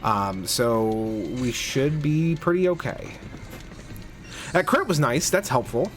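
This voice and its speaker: A man's voice: medium pitch, expressive, slow pace, soft background music. A man hosting a casual game playthrough, chatting and rambling through his moves with frequent restarts. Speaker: host of a game playthrough podcast. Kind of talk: casual let's play commentary.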